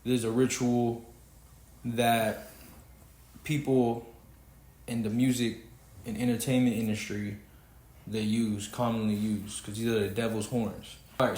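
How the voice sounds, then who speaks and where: In an echoey room, a young Texan podcast host from Houston delivers a casual rant in a mid-range voice with a darkish tone. His manner is preachy and emphatic, and he doesn't hold back on swearing.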